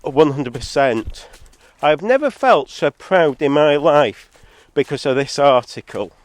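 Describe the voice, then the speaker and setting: With lively intonation and a measured pace, a congested man makes a rambling, combative vlog with sardonic asides. He was born in Zambia and lives in England. His phone or camera recording is dry but set too loud, so it distorts and clips.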